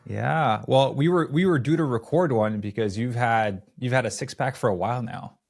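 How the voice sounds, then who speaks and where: A man's voice: mid-range voice, moderate pace, vocal fry. A man hosting a casual interview podcast as a fitness coach, speaking in an upbeat, affirming way.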